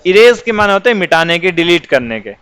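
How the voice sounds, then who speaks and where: A man teaches English words to young children with a high, clear and smooth voice. He poses a question, then answers it himself with patient, repeated steps. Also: very animated, a bit bright, rough recording.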